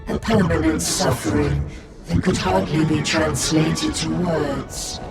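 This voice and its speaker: A man voices a game villain, a monstrous collective male abomination that refers to itself as "we" and speaks with cold, formal courtesy. His fairly high, gravelly voice moves slowly with menacing calm, and the recording is echoey and distant, with a loud score behind it.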